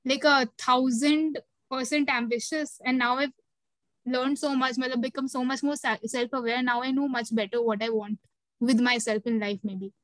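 A woman's voice: sits high, fairly even intonation, moderate pace, a bit bright, dry recording, rough recording. A young adult woman with an Indian accent, reflecting casually in short, thinking-aloud phrases with some Hindi mixed into her English.

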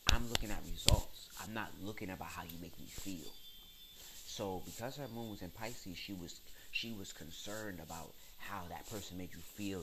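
A man's voice: low-pitched, background noise. A man hosting a podcast, ranting in a blunt, profane, slangy and emphatic way. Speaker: podcast host. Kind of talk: casual solo rant.

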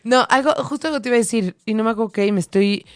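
A woman's voice: on the high side, racing, no room sound, studio quality. Joking woman co-host. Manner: joking, reads audience messages. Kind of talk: casual chat.

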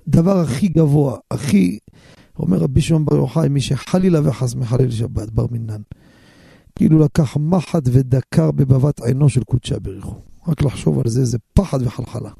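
A man hosts a call-in radio show as a rabbi, preaching and telling stories with emphasis. His voice is gravelly and dark, a little husky. It sounds dry and close on a studio microphone. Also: medium pitch, no room sound. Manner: emphatic storytelling. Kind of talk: radio sermon and call-in answers.

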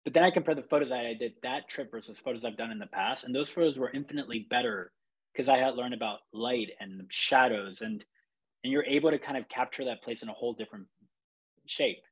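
A man's voice: mid-range voice, fast, slightly rough, dull audio. A man from Chile, a photographer, talking in a rambling, reflective way with many fillers and restarts. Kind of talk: casual podcast chat.

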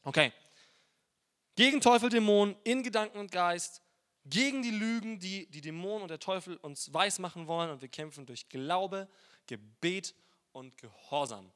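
Guy preaching a sermon, high bright voice, casual and playful. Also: normal speed. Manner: lively, colloquial, playful storytelling.

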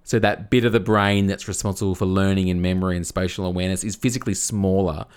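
A man's voice: low-pitched, fairly even intonation, quick pace, smooth. A man co-hosting a casual podcast, explaining a topic at length, often restarting and repeating words as he goes. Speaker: podcast co-host.

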